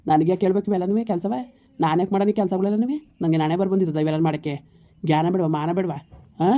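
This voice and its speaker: A woman's voice: lowish voice, fairly even intonation, natural voice. A young woman playing a fed-up grown daughter who scolds her family in a village comedy skit, firing off indignant questions. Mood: furious. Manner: indignant, scolding, rapid-fire rhetorical questions. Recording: tinny phone-like audio.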